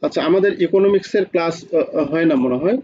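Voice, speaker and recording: An accounting teacher with a high voice and a Bangladeshi Bengali accent lectures quickly in an online class, repeatedly questioning students and restating key points. His tone is steady and somewhat dark. The audio is dull and lo-fi, like a computer mic on a video call, with slight background noise.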